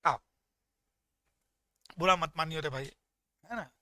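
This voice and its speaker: Energetic high-voiced male teacher. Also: slow, no echo. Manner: energetic, joking, talks straight to students. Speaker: tax teacher. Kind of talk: lively classroom lecture.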